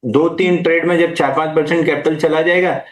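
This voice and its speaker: A man's voice: on the high side, steady tone, fairly quick, roomy sound. A man, a stock market analyst, patiently answering viewer questions in a live market Q&A, mixing in English trading terms. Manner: patient, advisory, uses Hindi mixed with English terms.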